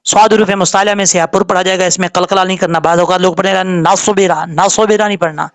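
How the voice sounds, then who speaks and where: A man teaches tajweed in a patient, methodical way, spelling out letters and vowel marks one by one. His voice sits fairly high for a man. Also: steady tone. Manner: patient, explains rules step by step, then recites slowly drawn out. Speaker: Quran recitation teacher.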